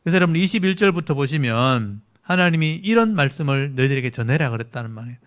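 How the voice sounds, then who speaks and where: Korean pastor preaching a midweek sermon. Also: male voice, on the high side, lively intonation, quick pace. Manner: explains scripture plainly, reads verses aloud, asks listeners to look at verses. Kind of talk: expository sermon at a midweek service.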